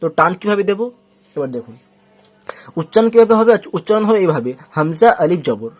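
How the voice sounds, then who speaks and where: A man teaching Quran reading, going over each rule slowly and repeating it many times, asking questions and answering them himself. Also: sits high, big pitch swings. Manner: patient, repeats rules slowly and often, asks and answers its own questions. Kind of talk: step-by-step spoken lesson.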